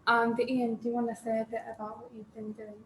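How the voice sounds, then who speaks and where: A soft-spoken woman, talking quietly on a video call about a yoga course. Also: a little high, completely flat delivery, fast, echoey room, rough recording. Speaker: yoga teacher.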